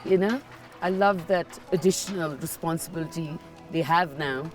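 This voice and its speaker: A woman who works in the fashion industry, speaking in a reflective documentary interview in an earnest, measured way with emphatic repetition. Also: sits low, faint music behind.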